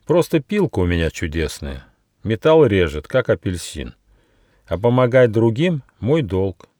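A man's voice: fairly low pitch, a little slow, no echo, studio quality. A man doing a firm, kind little gnome. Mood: gentle. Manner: firm, calm, modest. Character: kind, stern little male gnome leader.

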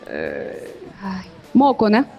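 A woman's voice: mid-range voice, huge pitch swings, very slow, vocal fry. A woman voice actress being interviewed over an internet call, talking earnestly in looping restarts. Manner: earnest, talks in restarting loops. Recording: dull call audio with music under.

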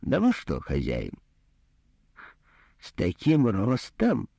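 A man's voice: fairly low pitch, huge pitch swings, slow, vocal fry, mellow, no echo, full character voice. A man voicing a rude, greedy male doctor who talks in a brusque, condescending, grumbling way in a humorous storybook reading. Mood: gruff.

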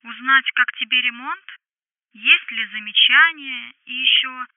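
Woman doing a blunt grown woman, scolding, high voice, tinny phone filter, dry sound, audiobook. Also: unhurried, no echo. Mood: teasing. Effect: telephone filter. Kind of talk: audiobook dialogue.

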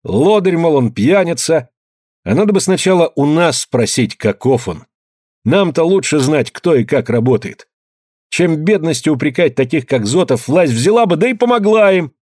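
A man's voice: a little high, sing-song, normal speed, darkish tone, no echo, clean studio sound, pitched above the performer's own voice. A man voicing a resolute male peasant leader addressing a crowd, in an audiobook. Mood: earnest. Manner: earnest, oratorical.

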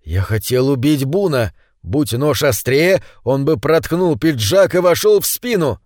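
A man reading an audiobook, voicing a shaken young man who talks low and tense. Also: lively intonation, measured pace, a little mellow, no room sound, clean studio sound. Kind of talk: audiobook character voice.

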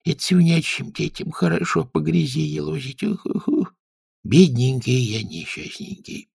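A man's voice: medium pitch, very animated, normal speed, vocal fry, darkish tone, husky, no echo, studio quality, voice pushed up, full character voice. A man reading a storybook and voicing a timid, self-pitying little male house sprite who grumbles and whines. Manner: grumbling, whiny.

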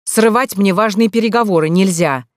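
An audiobook narrator voicing an angry young man scolding his runaway teenage sister, loud and insistent, in a dry recording. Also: mid-range voice, normal speed, slightly rough, dry recording, lightly acted. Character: angry older brother, young man, stern and commanding.

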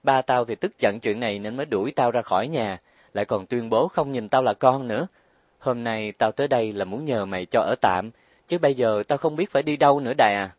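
A man reads an audiobook, voicing a proud, stubborn young wife who complains and talks back in a defiant, complaining mood. His voice is mid-range, natural, and fairly quick, with no room sound.

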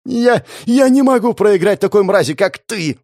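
A man's voice: lowish voice, expressive, normal speed, darkish tone, dry recording, studio quality. A man voicing a furious young woman knife fighter who screams insults and snarls, in an audiobook reading. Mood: snarling.

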